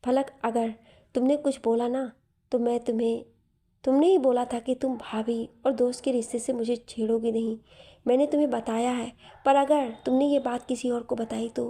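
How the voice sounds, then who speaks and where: Storybook casting: a woman playing a shy, defensive young man, mellow tone. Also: fairly high pitch, steady tone, moderate pace. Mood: sulky. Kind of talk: storybook narration.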